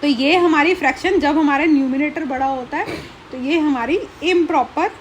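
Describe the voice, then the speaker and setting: A woman's voice: sits high, normal speed, a little hiss or hum, rough recording. A woman teaching a school math lesson, explaining patiently, checking in often and counting items aloud one by one.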